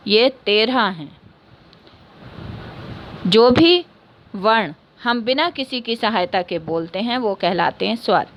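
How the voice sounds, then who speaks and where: A woman's voice: medium pitch, animated, slow pace, pauses often, muffled recording, a little hiss or hum. A woman, a teacher explaining a lesson patiently, repeating key points and answering her own questions. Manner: ends points with a checking "okay". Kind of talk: classroom lesson.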